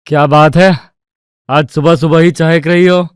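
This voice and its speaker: A man's voice: on the high side, steady tone, measured pace, clean tone, no echo, natural voice. Man voicing a young husband, cartoon, teasing, bemused, resonant, dry sound.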